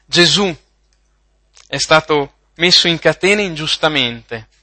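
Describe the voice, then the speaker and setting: Slow, bright-voiced preacher. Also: male voice, a little high, expressive. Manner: slow, emphatic, repeating phrases. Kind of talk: sermon with Bible readings.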